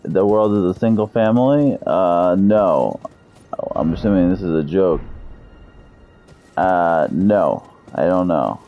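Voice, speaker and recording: Deep-voiced man in his thirties, profane streamer. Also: expressive, slow pace, muffled recording, soft background music. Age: 30s. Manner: profane, loose, chatty with viewers. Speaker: game streamer. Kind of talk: casual live-stream chat.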